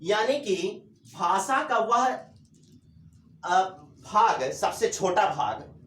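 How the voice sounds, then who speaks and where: A male teacher giving a classroom lecture, asking questions and answering them himself, drawing out words slowly to demonstrate. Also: high-pitched, recorded from a distance. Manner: drawls syllables slowly to demonstrate. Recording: echoey room.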